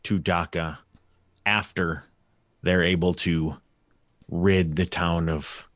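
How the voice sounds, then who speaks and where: A man playing a tabletop game, talking casually with hesitant pauses. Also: deep voice, fairly even intonation, a bit bright, no room sound, clean studio sound. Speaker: player.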